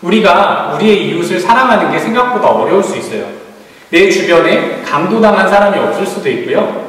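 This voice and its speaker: A man gives a children's sermon in a fairly high, lively voice that rises and falls as he tells the story gently. He sounds far from the mic, and the long echo of a church hall rings around every phrase. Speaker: youth pastor. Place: church sanctuary.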